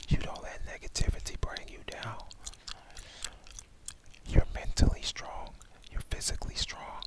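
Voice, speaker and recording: Young man's whispered ASMR pep talk. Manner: whispering, reassuring, speaking straight to the listener. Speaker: ASMR host. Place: indoors, small room at home. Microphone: headset microphone close to the mouth.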